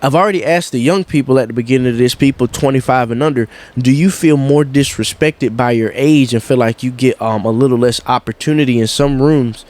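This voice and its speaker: A man's voice: mid-range voice, brisk, hardly any pauses, darkish tone. A young man telling a rambling story to the camera, repeating words and acting out what people said. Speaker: vlogger.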